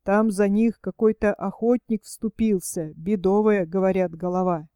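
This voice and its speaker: A woman's voice: medium pitch, steady tone, moderate pace, mellow, clear, resonant tone, dry recording, clean studio sound, natural voice. A woman voicing a timid, meek male farmhand in an audiobook. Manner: timid, hesitant.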